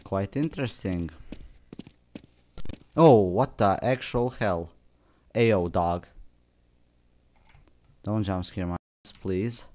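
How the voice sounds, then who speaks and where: A young man commentating a horror game, slangy and reacting with sudden loud outbursts. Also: on the low side, slow, long pauses. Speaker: gaming YouTuber.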